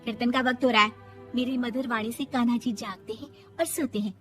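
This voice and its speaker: A woman's voice: on the high side, fairly even intonation, a little fast, close to an everyday voice. A woman voicing a proud, stubborn, pious young daughter-in-law, indignant and preachy, in a cartoon moral story. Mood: self-assured. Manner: indignant, preachy, self-assured. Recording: music behind the voice.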